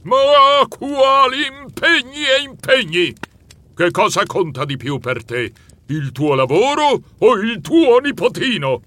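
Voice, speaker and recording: An actor playing a wise, jolly old Santa Claus who talks warmly and thunders when cross. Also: male voice, sing-song, takes it slowly, heavily acted. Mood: thundering. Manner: warm booming laugh, thundering when cross. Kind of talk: audiobook character voice.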